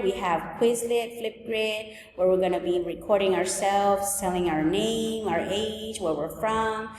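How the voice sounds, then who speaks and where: Woman teacher from El Salvador, forties, clear list-by-list open house talk, echoey room with faint background noise. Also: medium pitch, a little mellow. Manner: clear, list-like walkthrough of class rules. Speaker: high school Spanish teacher. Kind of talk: recorded open house presentation. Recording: echoey room, long reverb.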